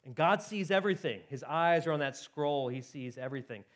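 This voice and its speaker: A man's voice: fairly high pitch, lively intonation. Man preaching an urgent, chatty sermon. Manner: urgent, conversational preaching with rapid swings in loudness.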